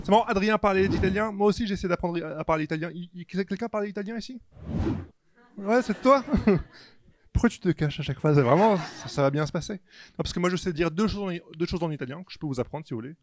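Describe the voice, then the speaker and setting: A man doing a relaxed stand-up routine on a comedy club stage, chatting with the audience. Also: high-pitched, fast, no echo.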